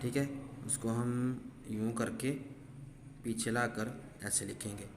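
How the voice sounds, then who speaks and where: A man gives a calm, patient handwriting lesson, walking through each stroke in turn and checking in often. His voice sits at an ordinary middle pitch. It rings in a roomy space with a long tail and a faint hiss behind it. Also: slow. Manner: patient, step-by-step, repeats "ठीक है". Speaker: teacher. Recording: echoey room with faint background noise.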